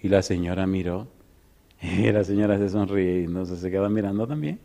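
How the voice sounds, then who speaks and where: A middle-aged man preaching, telling a story with laughter and big swings from loud to hushed. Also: low voice, normal speed, creaky. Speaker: pastor. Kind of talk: storytelling sermon.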